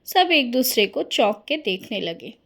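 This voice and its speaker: Slow-paced woman telling a cartoon story. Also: on the high side, big pitch swings, a bit bright. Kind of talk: scripted story narration.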